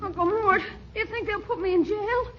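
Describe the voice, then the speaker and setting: A woman's voice: extremely high pitch, moderate pace, loud music behind the voice. A woman playing a brash, whiny young boy, a mischievous nephew, in 1940s radio comedy style. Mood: worried pleading. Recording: dull, noisy vintage radio recording.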